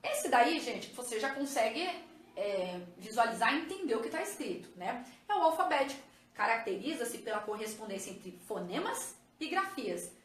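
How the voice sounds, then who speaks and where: A woman's voice: fairly high pitch, very animated, normal speed. A woman, a teacher explaining a lesson patiently to viewers and checking in with them as she goes. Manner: patient, addresses viewers as "gente", checks with "ok?" and "tá vendo?". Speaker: teacher and educational psychologist. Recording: echoey room.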